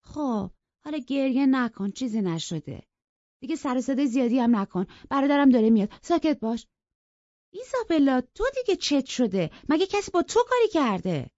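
A reader voicing a headstrong, bossy girl who scolds in a high, sharp voice, in a storybook reading. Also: very animated, no echo. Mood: scornful. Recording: dull lo-fi dry recording.

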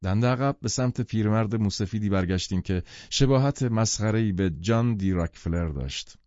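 A man narrating a novel as an audiobook, in a measured, expressive reading. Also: lowish voice, no echo, dull audio. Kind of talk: scripted literary narration.

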